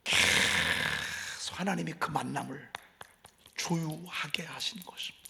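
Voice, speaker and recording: A middle-aged male pastor preaching a conversational dawn sermon in a church, asking the congregation questions and dropping from loud emphasis to near whisper. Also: on the high side, sing-song, takes it slowly, vocal fry. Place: church sanctuary.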